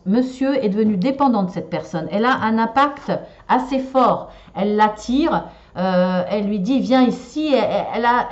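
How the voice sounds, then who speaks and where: A woman giving a relationship card and shell reading to viewers, talking in a hesitant, casual way with many fillers and restarts. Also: a little high. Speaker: tarot and shell reader. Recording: slightly dull lo-fi sound.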